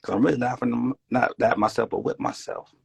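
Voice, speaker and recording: A man's voice: medium pitch, fairly even intonation, fast talker, creaky, husky, dry recording. A man giving a rambling, preachy casual monologue, now and then dropping to a whisper.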